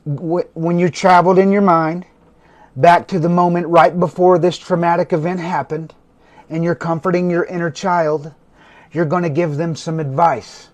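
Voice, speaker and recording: A man hosting a livestream, talking slowly and soothingly as he guides a meditation and gives instructions. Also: a little high, fairly even intonation. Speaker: host of a livestream. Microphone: phone or computer mic for a livestream.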